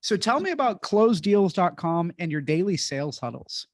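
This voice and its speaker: Male podcast host, high-pitched, frank, conversational, dry close sound. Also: very animated, moderate pace, dry recording. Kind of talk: casual interview talk.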